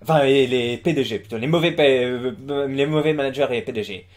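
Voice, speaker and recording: A man's voice: medium pitch, fairly quick, a little mellow. A man giving casual live commentary, rambling with many fillers, restarts and crude slang.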